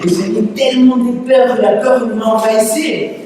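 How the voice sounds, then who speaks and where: A man's voice: sits high, fairly even intonation, normal speed, mellow, slight background noise. A male pastor with a Spanish accent preaching a conversational sermon with lots of rhetorical questions, recorded in a church hall. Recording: echoey church hall, distant mic.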